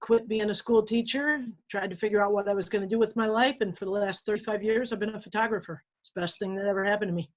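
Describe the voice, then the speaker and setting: A woman's voice: medium pitch, steady tone, fast, hardly any pauses, rough recording. A woman participant on a video call telling a personal story in a blunt, conversational way. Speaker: meeting participant.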